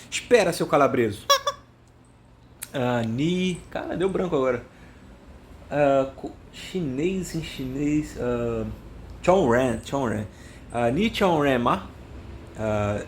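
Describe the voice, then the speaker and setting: A man's voice: medium pitch, slight background noise. A man hosting a casual comedic language video. He rambles, mocks himself, and keeps stumbling over words he can't remember. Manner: rambling, self-mocking, stumbles and searches for words.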